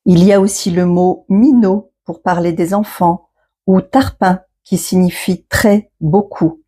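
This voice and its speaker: A woman's voice: lowish voice, fairly even intonation, a little slow, mellow, slightly rough. A woman hosting an educational podcast as a French teacher, reading scripted narration with didactic phrasing for learners.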